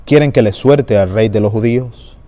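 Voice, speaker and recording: A man giving a measured, solemn liturgical Gospel reading at a Good Friday service in a large church. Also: mid-range voice, mellow. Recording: long church reverb.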